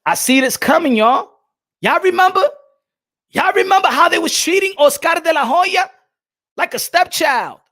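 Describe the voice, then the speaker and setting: A man hosting a casual boxing livestream, animated, swinging between loud outbursts and low mumbling, dropping Spanish phrases into his talk. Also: normal speed. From United States. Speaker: boxing commentator.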